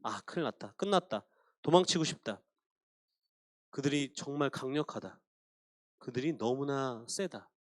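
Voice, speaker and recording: A despairing church member, played by a man preaching, speaks in a hushed, defeated way. The voice falls well below the preacher's usual pitch. The recording is dry. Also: expressive, normal speed, long pauses, no room sound, lightly acted.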